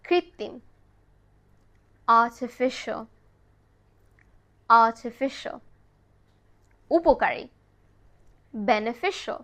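A woman teaching English pronunciation to viewers, repeating each word slowly and mixing English phrases into her talk. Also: a little high, a bit bright. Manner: slow, drawn-out repetition of each word. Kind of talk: scripted pronunciation lesson.

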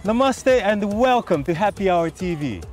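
Upbeat TV host, man from Fiji, middle-aged, high-pitched. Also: animated, normal speed, over loud music. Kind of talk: upbeat TV show presenting. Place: sunny beach outdoors.

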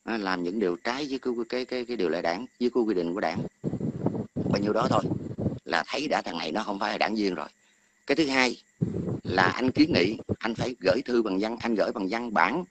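A man's voice: lowish voice, quick pace, fairly bright tone. A middle-aged man calls in to an online talk and scolds someone at length, often repeating words as he hunts for the next one. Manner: berating, repeats words while searching for them. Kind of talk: heated scolding rant. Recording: noisy line with clicks.

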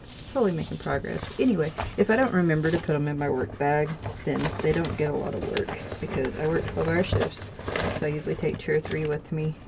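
A woman hosting a craft channel rambles casually through her stitching projects at her home craft table, with many ums and restarts. Her low-pitched voice is creaky and congested, a bit nasal and stuffy, and the recording is very noisy.

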